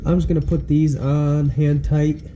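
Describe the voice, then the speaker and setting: Sick male DIY vlogger, nasal and stuffy, dark easygoing tone, home workshop shed. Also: fairly high pitch, a little slow, dull audio, slight background noise. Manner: relaxed, explains step by step as he works. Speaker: host. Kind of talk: casual DIY car-build vlog.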